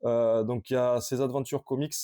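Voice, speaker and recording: A man casually showing his collection on camera, talking in a halting, rambling way with many restarts. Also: mid-range voice, little pitch movement, dark tone.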